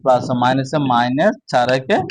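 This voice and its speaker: A man teaching a math lesson, speaking slowly and asking his own questions before answering them. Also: medium pitch, expressive, dry recording, low-quality recording. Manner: slow, repetitive, asks and answers own questions. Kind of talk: casual classroom lesson.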